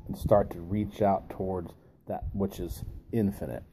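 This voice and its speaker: A man with a low, very dark and mellow voice muses slowly through a thought, pausing often. He talks around a pipe in his mouth, in a reflective monologue style, with faint noise behind him. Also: fairly even intonation. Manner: musing, halting, with long pauses. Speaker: video host. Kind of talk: reflective philosophical monologue to camera.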